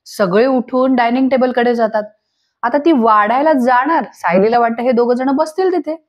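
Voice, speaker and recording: A young woman retelling a TV serial episode in a lively storytelling manner, voicing each character herself. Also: fairly high pitch, normal speed, lo-fi sound. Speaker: serial episode recap narrator.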